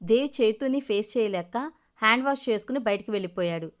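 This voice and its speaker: A woman narrating a family story for an audio storybook in a steady, measured reading. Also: fairly high pitch.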